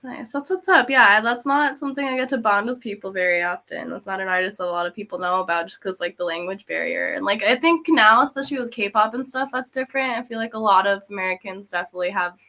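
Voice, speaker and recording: A woman's voice: medium pitch, fast talker, hardly any pauses, sharp tone. A woman in her twenties, a musician, chatting expressively as an interview guest. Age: 20s. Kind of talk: casual interview chat.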